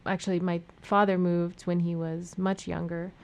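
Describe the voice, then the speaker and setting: An American woman with a slightly low voice hosts a radio interview. She speaks in a friendly way, framing questions and summing things up for the audience. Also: level tone, moderate pace. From United States. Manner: friendly, asks questions and sums up. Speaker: radio show host.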